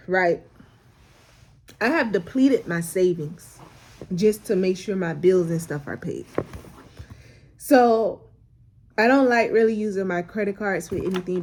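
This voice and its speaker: A woman's voice: fairly low pitch, slight background noise. A woman, sharing a personal faith story in a casual, emotional way, close to tears and repeating phrases for emphasis. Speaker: vlogger sharing a faith testimony.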